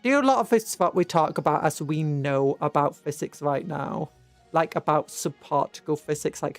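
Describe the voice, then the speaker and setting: A British livestream host chats casually with viewers in a medium-pitched voice, rambling and hesitant, often trailing off and starting sentences over. Soft music plays in the background.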